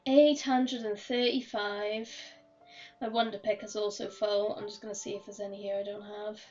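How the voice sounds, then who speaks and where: A woman streaming a game, chatting in a rambling way with frequent laughs while her voice is hoarse and croaky. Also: medium pitch, flat delivery, moderate pace, darkish tone, faint music behind. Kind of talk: casual chat while gaming. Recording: dull, slightly distant mic.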